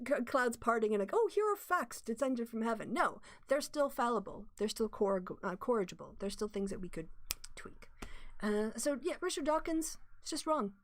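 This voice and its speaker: A woman runs a casual livestream, thinking aloud with restarts, explaining things and sharing opinions while answering viewer comments. Her voice is a little high, captured in a dry, clean studio recording.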